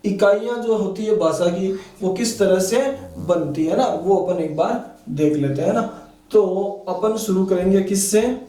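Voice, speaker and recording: Casting note: male Rajasthani-accented teacher, high mellow voice, heard from a distance in a roomy class. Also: a little slow. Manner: asks rhetorical questions and answers them, repeats "है ना". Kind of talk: classroom lecture for exam prep. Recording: echoey room, voice from off the mic.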